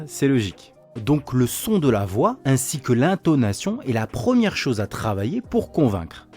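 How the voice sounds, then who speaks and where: A man's voice: mid-range voice, a little mellow. A man hosting and narrating a scripted explainer in a conversational, advising way. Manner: conversational and advising, with varied intonation. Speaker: host.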